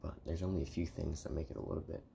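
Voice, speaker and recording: A man giving a soft-spoken, partly whispered ASMR review in a hushed voice, rambling and haltingly rephrasing himself. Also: a bass voice, steady tone, vocal fry, a little hiss or hum. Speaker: video reviewer.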